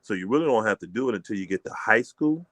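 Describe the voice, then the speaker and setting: A middle-aged man with a lowish voice, talking in an emphatic, preacherly way. He keeps checking "you know what I mean" as he explains. The sound is dry and close, with no room around it. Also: expressive, fast talker, fairly bright tone, no echo. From Fort Wayne, Indiana, US. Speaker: community elder, homeschool leader. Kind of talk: casual call-in chat.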